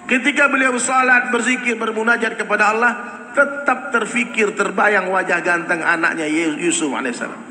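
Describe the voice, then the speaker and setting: A man preaching a sermon to a congregation, animated and questioning his listeners directly. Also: high-pitched, normal speed. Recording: echoey hall with noise.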